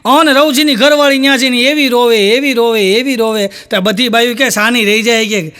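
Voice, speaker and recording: A man's voice: very high-pitched, steady tone, normal speed, bright, forceful tone, clean tone. A man telling folk jokes, rambling through stories and acting out each quoted voice. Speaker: stand-up comedian. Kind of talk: Gujarati folk comedy storytelling.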